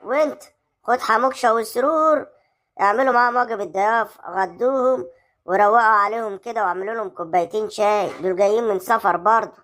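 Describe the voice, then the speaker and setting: A woman's voice: on the high side, fast, a bit bright, lightly acted. A woman with an Egyptian accent voicing a boastful, commanding older male neighborhood boss in a cartoon comedy. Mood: hearty. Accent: Egyptian Arabic.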